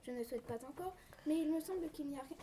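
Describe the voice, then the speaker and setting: A woman's voice: high voice, quick pace, dark tone, slight background noise, close to an everyday voice. Woman voicing an eager, discontented wife. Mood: wishful. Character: poor discontented wife craving riches. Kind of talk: storybook reading.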